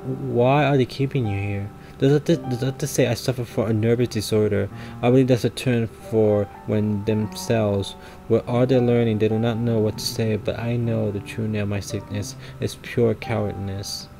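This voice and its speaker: A man's voice: on the low side, fairly even intonation, normal speed, gravelly, over music. A man voicing a guilt-ridden former army soldier, reading his game lines aloud in a plain, somber, confessional way.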